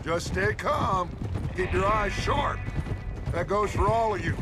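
An actor playing a stern, rallying middle-aged American outlaw gang leader with an authoritative, theatrical delivery in a western game. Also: male voice, sits high, takes it slowly. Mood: stern, firm. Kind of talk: cinematic western game acting. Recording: loud music, horse hoofs behind.

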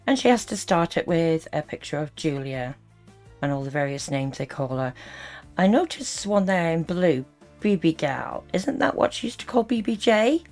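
A woman's voice: sits low, lively intonation, moderate pace, a little mellow, faint music behind. A woman giving critical reaction commentary as host, disapproving and full of sarcastic asides.

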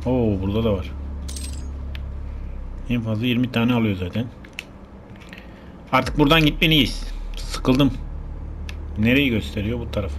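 A man's voice: medium pitch, unhurried, long pauses, slight background noise. A man commentating his own gameplay in a casual, grumbling way, cursing and getting easily frustrated as he plays. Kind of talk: casual let's play commentary. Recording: game music loud behind voice. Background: loud game music.

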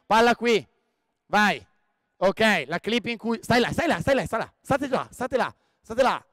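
A man running a basketball coaching clinic on the court, directing players with quick commands and frequent "ok?". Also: high-pitched, expressive, fairly bright tone, dry recording. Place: indoor sports hall.

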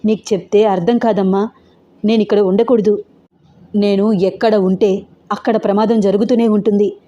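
A woman voicing a calm, grave young schoolgirl who speaks firmly and solemnly in an audio story. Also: medium pitch, moderate pace, muffled recording, lightly acted. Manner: firm and solemn.

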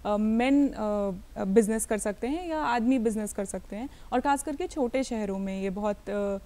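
A woman hosting a broadcast interview, asking long, measured questions. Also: on the high side, warm tone. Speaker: TV interview host.

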